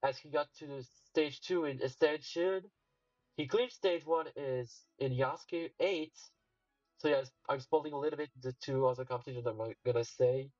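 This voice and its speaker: Young man, game play-by-play commentary, halting with fillers, excited outbursts, dry distant muffled mic. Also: mid-range voice, no echo. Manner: halting, lots of fillers and restarts, bursts into excited shouts. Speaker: streamer commentating a game competition. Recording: distant dull mic with faint music.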